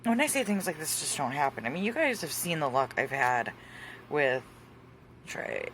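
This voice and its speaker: A woman's voice: low-pitched, sing-song, moderate pace, fairly bright tone, a little hiss or hum. A middle-aged woman chatting casually about her crafts at home, rambling with plenty of fillers and asides. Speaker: craft vlogger. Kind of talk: casual chat. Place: hot home room with a fan running.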